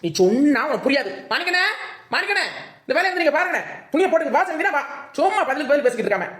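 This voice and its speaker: A woman voicing a patient, calm young village man in a cartoon, reasoning with the others. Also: high-pitched, racing. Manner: reasoning and soothing.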